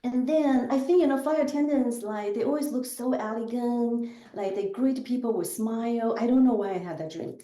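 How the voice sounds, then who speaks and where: This woman in her forties, from southern China and raised speaking a Chinese dialect, talks in accented English as a guest on a podcast. Her slightly high voice moves at a moderate pace with hardly any pauses, sounding mellow in a roomy space. She is thoughtful in this casual interview, often using fillers and correcting herself.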